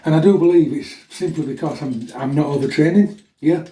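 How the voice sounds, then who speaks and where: A middle-aged fitness vlogger with a mellow, slightly chesty voice, a little high and a little fast, chats casually to viewers as he introduces a workout. He's blunt and keeps tagging lines with "yeah?", and he's getting over a chest infection. The mic sits at a distance in an echoey room.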